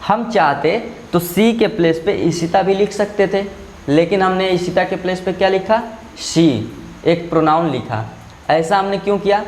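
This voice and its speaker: A male school teacher giving a slow classroom grammar lesson. He explains step by step and keeps checking that the class follows. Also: high voice, a little hiss or hum.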